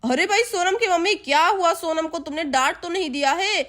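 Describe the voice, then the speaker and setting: A woman voicing a sleepy, kind village father in a lowered voice. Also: fairly quick, fairly bright tone. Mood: worried.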